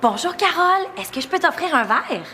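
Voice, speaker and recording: An actress playing Geneviève, a bossy, scheming friend with a Québécois accent. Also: female voice, very high voice, sing-song, a little fast, sharp tone, heavily acted. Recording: noisy background.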